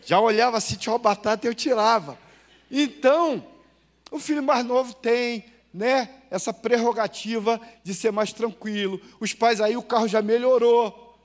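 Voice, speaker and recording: High-voiced Brazilian pastor preaching. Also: male voice. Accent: Brazilian Portuguese. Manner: storytelling, lively swings between loud and hushed; addresses the congregation with questions. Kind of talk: sermon. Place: church.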